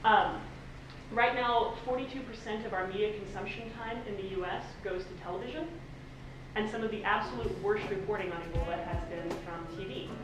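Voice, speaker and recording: American woman hurrying through a quick conference talk, super echoey room, mic far away. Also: medium pitch, steady tone. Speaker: speaker giving a lightning talk. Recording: echoey hall, distant pickup, music flagged behind.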